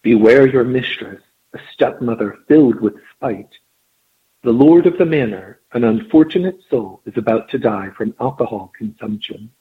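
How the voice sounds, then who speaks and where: A man's voice: mid-range voice, lively intonation, normal speed, husky. A man voicing a talking dragonfly that solemnly foretells the future, heard over a tinny phone line. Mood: ominous.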